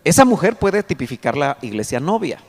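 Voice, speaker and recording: A male pastor gives a teaching sermon in a church hall, his fairly high voice swinging widely in pitch. He explains each verse patiently and reads scripture aloud with growing emphasis. A long reverb trails each phrase. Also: sing-song. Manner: explains verses slowly, pointing at a chart. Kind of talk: Bible study sermon.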